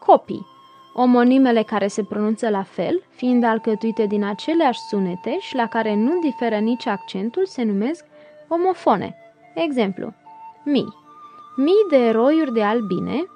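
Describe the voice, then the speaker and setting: A woman's voice: a little high, warm tone, muffled recording. Woman reading a grammar lesson. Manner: reads word pairs in a slow list. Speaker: grammar teacher. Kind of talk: scripted grammar lesson narration.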